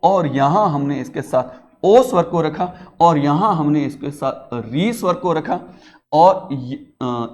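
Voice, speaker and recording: A grammar lesson is led by a man whose voice sits somewhat high, in a classroom equipped with a digital board. Addressing his pupils as beta, he nudges them forward with questions and supplies the answers himself.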